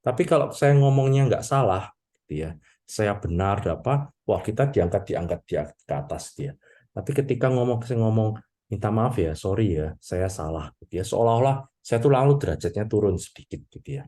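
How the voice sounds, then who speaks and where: Low, mellow-voiced priest giving a sermon. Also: male voice, lively intonation, fairly quick. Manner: conversational, peppers talk with "gitu ya" and "ya toh"; addresses congregation as "Bapak Ibu".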